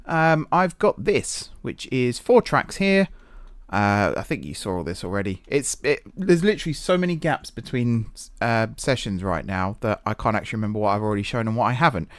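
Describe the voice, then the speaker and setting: A man's voice: mid-range voice, sing-song, moderate pace, studio quality. A man giving casual gameplay commentary, thinking aloud in a self-deprecating way, recorded in an echoey, sparsely furnished office. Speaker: gaming video host. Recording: echoey room with little furniture.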